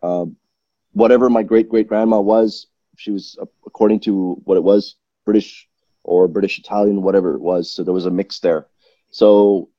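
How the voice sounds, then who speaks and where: Recorded with no room sound and a muffled quality, a Malaysian man with a fairly low voice appears as a guest in a casual interview. Animated and rambling, he speaks at length and keeps restarting and correcting himself.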